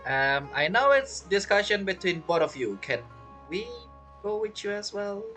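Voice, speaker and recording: This streamer jokes casually through a game playthrough, teasing often and using non-native phrasing. The medium-pitched voice swings widely in pitch, keeps a measured pace and sounds a bit bright, with video game music in the background.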